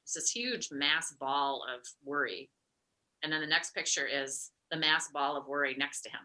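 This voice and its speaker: A woman's voice: sits low, moderate pace, pushed and bright, low-quality recording. A woman wellbeing coach as an interview guest, speaking thoughtfully and hesitantly with frequent restarts. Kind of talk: casual interview chat.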